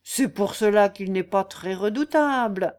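A woman reading aloud, voicing an ironic, smooth-talking businessman with a teasing manner. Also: medium pitch, measured pace, darkish tone, close to an everyday voice.

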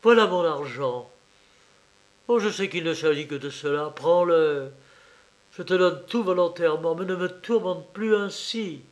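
A man's voice: on the high side, animated, a little slow, voice pushed up. A man voicing a tearful, pleading baroness. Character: distraught emotional woman, a wealthy baroness. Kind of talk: audiobook reading.

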